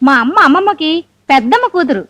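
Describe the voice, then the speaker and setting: A gushing, lively matchmaking relative. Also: female voice, high-pitched, fast. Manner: gushing storyteller. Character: chatty female relative of the bride, eager matchmaker. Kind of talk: film comedy acting.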